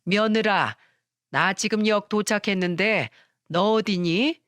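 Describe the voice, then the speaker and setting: An older mother-in-law, as a woman narrator acts her, unhurried and homely. She speaks slowly and a bit fuller than plain narration, in a dry close voice. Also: mid-range voice, fairly bright tone, dry recording. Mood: easygoing. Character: older mother-in-law, easygoing then firm.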